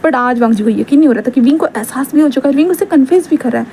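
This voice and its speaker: A woman's voice: sits high, racing, mellow, a little hiss or hum. A woman narrating a romance fanfiction story in a casual, conversational way, repeating phrases as she goes.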